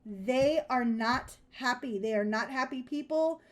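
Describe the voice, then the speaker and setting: A woman's voice: high voice, unhurried. A woman co-hosting a casual chat show, giving emphatic advice and repeating her key points. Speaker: podcast co-host.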